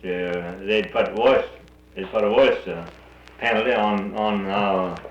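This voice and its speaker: A man's voice: fairly low pitch, takes it slowly, highs cut off. A man, heard on an old 1941 archival recording, speaking bluntly and often restarting his sentences in casual conversation. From North Carolina. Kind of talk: casual conversation about the war. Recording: roomy old recording with faint hiss.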